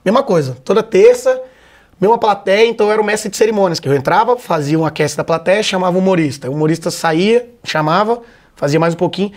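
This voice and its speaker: A laid-back man from Vitória, Brazil, talks as a stand-up comedian guest in a relaxed podcast chat. His voice sits notably high, and his speech is loose, slangy and peppered with swearing. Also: fast talker. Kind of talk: casual podcast conversation.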